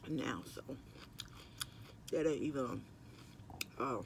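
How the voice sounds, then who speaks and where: Eating on his lunch break at work, a middle-aged mukbang vlogger talks casually and ramblingly to his audience, his mouth sometimes full. He speaks slowly at a medium pitch over a noisy background.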